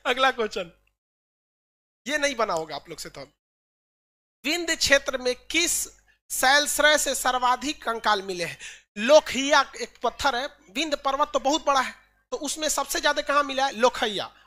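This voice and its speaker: A woman's voice: high voice, sharp tone. A woman teacher running an exam-prep lesson, quizzing students with repeated questions and joking asides.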